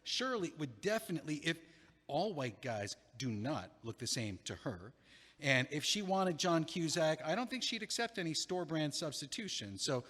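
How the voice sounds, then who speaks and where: In an audio play, an actor voices a nervous, wry man locked out of his home who hesitantly rambles, putting himself down as he pictures his old place. His voice is on the high side and fairly bright, with big pitch swings, a moderate pace, and a big-room sound.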